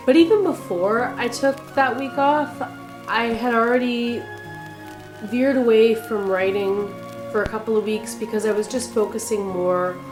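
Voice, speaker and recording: A woman with a raspy, growly voice from being sick, chatting casually and rambling a bit in a vlog about her writing. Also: medium pitch, roomy sound. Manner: chatty, rambling, self-correcting. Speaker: author and vlogger.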